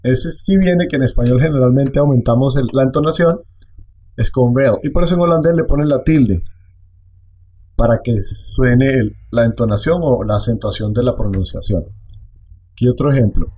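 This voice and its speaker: A man teaching a language online, explaining slowly and repeating phrases. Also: medium pitch, dark tone.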